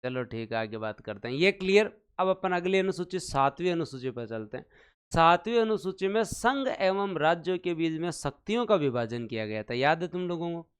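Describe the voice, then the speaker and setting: A man's voice: on the high side, animated, moderate pace, clear, resonant tone. A male teacher giving a live online exam-prep lecture, quizzing his viewers with repeated questions and chanting numbers to drill them. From India.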